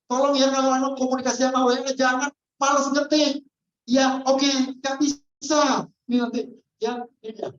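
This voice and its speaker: A woman's voice: sits high, little pitch movement, moderate pace, a little hiss or hum. A woman trainer giving a customer-service training lecture and quizzing the audience as she goes. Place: training hall. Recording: echoey, dull lo-fi room sound.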